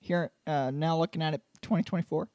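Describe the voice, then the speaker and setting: A man joking around in casual radio chat, tossing in quick asides. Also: on the high side, steady tone, a little mellow, dry recording.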